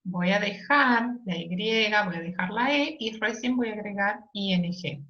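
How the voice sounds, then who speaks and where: A woman teaching an English lesson, explaining slowly and patiently and checking in often with "yes?" and "ok?". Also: mid-range voice, muffled recording. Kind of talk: recorded online lesson.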